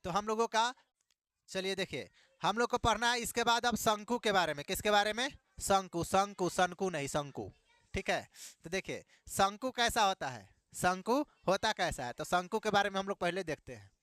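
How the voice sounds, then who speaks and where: A man's voice: sits high, normal speed, fairly bright tone, no echo, clean studio sound. A man teaching a math lesson, repeating key words back as questions and adding playful asides.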